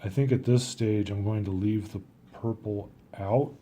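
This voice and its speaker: A man with a fairly low, warm and mellow voice explains his watercolor process while he works. He thinks aloud in a hesitant, low-key way and often trails off mid-sentence. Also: steady tone, a little slow, a little hiss or hum. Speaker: watercolor artist. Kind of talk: casual painting demonstration.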